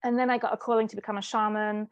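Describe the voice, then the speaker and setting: This life coach, who grew up in Italy, tells her story in an interview with earnest reflection, speaking rapid-fire in a fairly high voice with a level, clean tone. The audio is lo-fi with no room sound.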